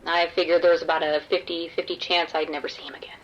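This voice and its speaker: In a radio drama, a woman plays a wry undercover policewoman posing as a street sex worker, talking casually and matter-of-factly with an uneasy, businesslike mood. Her lowish voice is flat and fast, close to an everyday voice. The recording is muffled with slight background noise.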